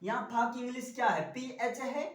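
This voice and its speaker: A man's voice: extremely high pitch, moderate pace, fairly bright tone. A man teaching a classroom spelling lesson, drilling his students with repeated questions. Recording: echoey room, voice from far off.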